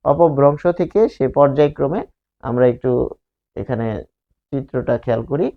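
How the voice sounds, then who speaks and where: A man's voice: medium pitch, moderate pace. Man, grammar teacher, explanatory, asks himself questions, lo-fi sound. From Bangladesh. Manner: explanatory, pointing things out, asks and answers his own questions. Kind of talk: classroom lesson explaining slides. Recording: slightly dull lo-fi recording.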